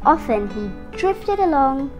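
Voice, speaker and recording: An eight-year-old girl, acting as a young storyteller, reads aloud from a picture book in a high-pitched female voice with big pitch swings. She takes it slowly, shaping each line with careful drama, while instrumental music plays behind her.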